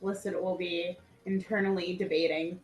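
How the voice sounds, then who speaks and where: A woman's voice: fairly low pitch, level tone, normal speed, reverberant, soft background music, poor audio. A woman playing a tabletop game, talking casually and hesitantly as she thinks aloud. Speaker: player.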